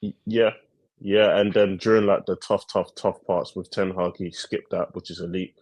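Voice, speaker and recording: Young guy, low husky voice, slangy, calls everyone bro. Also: steady tone, moderate pace, darkish tone, no echo. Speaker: podcast co-host. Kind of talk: casual chat.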